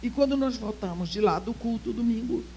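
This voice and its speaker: This recording is low quality, with slight background noise, and carries a somewhat high, fairly quick female voice. It's an older woman at a church women's conference, sharing a heartfelt personal story. She alternates between hushed near-whispers and forceful exhortation.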